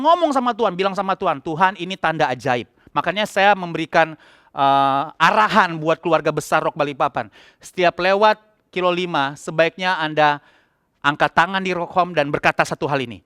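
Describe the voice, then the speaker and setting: A man with an Indonesian accent preaching a conversational sermon as pastor, breaking into loud, emphatic bursts. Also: on the high side, no room sound, studio quality. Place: church, online service.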